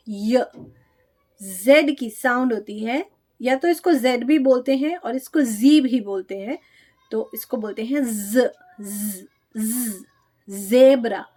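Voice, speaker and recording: A woman's voice: fairly high pitch, a little mellow. A woman teaching phonics to parents of young children, carefully sounding out each letter. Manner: slow, drawn-out demonstration of letter sounds. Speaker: pre-primary teacher.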